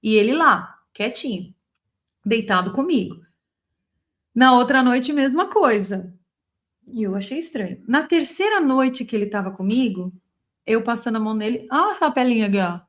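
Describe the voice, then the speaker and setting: A Brazilian woman with a fairly high voice, talking directly to her audience as she tells a personal story. She is animated and expressive, clearly caught up in what she is telling, and keeps pulling the listener in. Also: normal speed. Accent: Brazilian Portuguese. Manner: emotionally involved, expressive. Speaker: spiritual teacher and channel host.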